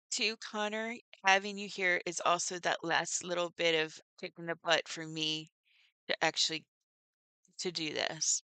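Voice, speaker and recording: Chatting with her live viewers and laughing a lot, a middle-aged woman runs her own livestream in a lowish voice that sounds pushed and bright. The sound is clear and resonant, without any echo.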